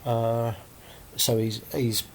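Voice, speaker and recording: Man, casual podcast host, mid-pitched voice, tag-question habit, chatty. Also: monotone, very slow, slight background noise. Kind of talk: casual chat.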